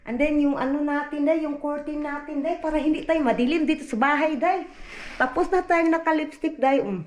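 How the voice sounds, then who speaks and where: A chatty woman from the Philippines with a high voice runs a casual home vlog. She talks straight to her viewers and keeps calling them "day" and "inday". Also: a little fast. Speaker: vlogger mother. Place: at home indoors.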